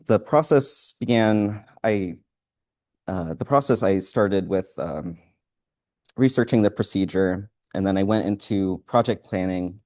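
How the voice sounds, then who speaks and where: A student man presents live in front of an audience. His voice sits very low and has a mellow, dark color. He moves through his material hesitantly, in a halting way.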